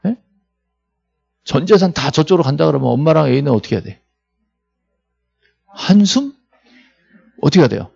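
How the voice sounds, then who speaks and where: A man's voice: on the high side, sing-song, moderate pace, creaky, pauses often, darkish tone, husky, lo-fi sound. A man teaching real estate law in a classroom lecture. He is jokey and asks the students questions, then answers them himself. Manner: jokey, acts out little scenes.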